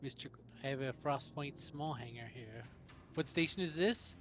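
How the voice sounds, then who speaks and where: A man's voice: medium pitch, moderate pace, a bit bright. Man thinking aloud over game music. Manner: thinks aloud while playing. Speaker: video game player. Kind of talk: casual gameplay chat with friends.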